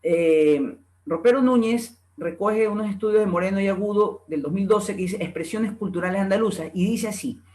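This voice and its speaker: A man's voice: sits high, normal speed, darkish tone. A man giving a conference lecture at a reading club, explaining his points and repeating example words to show how they are pronounced. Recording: echoey room.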